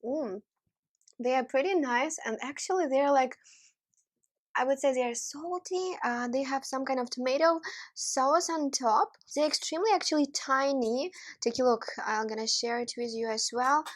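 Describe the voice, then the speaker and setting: A woman's voice: sits high, normal speed. A young woman hosting a casual food-tasting vlog, savoring each dish with appreciative hums and enthusiastic praise. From Ukraine. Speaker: vlog host.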